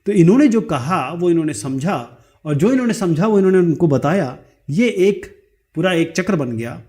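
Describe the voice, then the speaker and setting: A man's voice: a little high, expressive, normal speed, dark tone. A man teaching an explanatory lecture, checking in with frequent "right?" tag questions and mixing English terms into his explanations. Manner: spells out ideas with step-by-step everyday examples.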